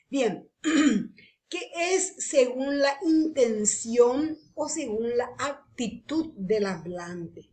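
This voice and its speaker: A woman from Paraguay gives a grammar lesson at an unhurried, deliberate pace. Her voice sits a little high for a woman. She keeps checking in with listeners through a soft questioning tag after each point. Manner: patient, explanatory. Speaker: teacher.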